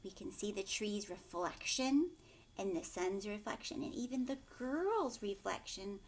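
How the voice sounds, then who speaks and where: A teacher shares a picture book with young kids, reading expressively with stretched-out words and hushed, question-filled asides. She speaks at a medium pitch with lively intonation, going a little slowly.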